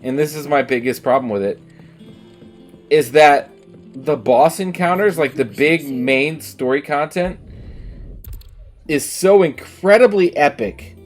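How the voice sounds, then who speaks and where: A man streaming gameplay chats casually and emphatically, giving his opinions and swearing now and then, with soft music in the background. His voice is on the high side, a little slow, with frequent pauses.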